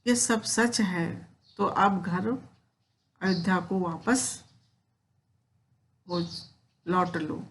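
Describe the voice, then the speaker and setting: Slow-speaking woman teaching poetry. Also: fairly low pitch. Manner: recites verse lines, then explains them in plain Hindi. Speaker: Hindi teacher. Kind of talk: recorded lecture explaining poetry.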